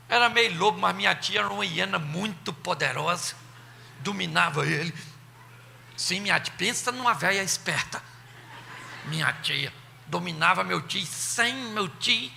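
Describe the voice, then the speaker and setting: A man with a Brazilian accent preaching a humorous sermon, animated and playful, sometimes shouting. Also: high-pitched, creaky. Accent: Brazilian Portuguese. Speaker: pastor. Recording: long reverb of a church hall.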